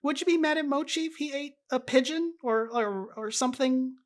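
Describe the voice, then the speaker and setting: A man's voice: very high voice, normal speed. A man co-hosting a podcast, explaining a show in casual chat and laughing often. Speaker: podcast co-host.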